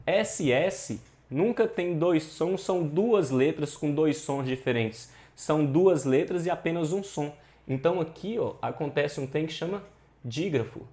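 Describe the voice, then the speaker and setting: A man's voice: fairly high pitch, a little slow, a little mellow. A male teacher, explaining exam questions in a casual, slangy, emphatic way. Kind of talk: exam prep lesson.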